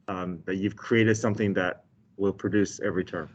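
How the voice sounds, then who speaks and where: Low-voiced man teaching math, muffled sound. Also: steady tone, normal speed. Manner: explanatory, checks in with "okay" and "right". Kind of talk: step-by-step calculus lesson. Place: indoors, desk with document camera. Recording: dull, slightly muffled online lesson audio.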